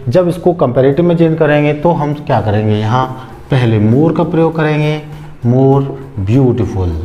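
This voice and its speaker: A man, an English teacher explaining grammar slowly, step by step, and asking rhetorical questions as he goes. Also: on the high side, warm tone, highs cut off, a little hiss or hum.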